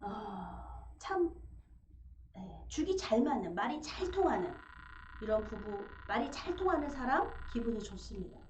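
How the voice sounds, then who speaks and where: A woman preaching a sermon, animated, acting out quoted quarrels with sharp rises in her voice. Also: a little high, a little slow. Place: church sanctuary. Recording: echoey church room, dull sound, faint noise.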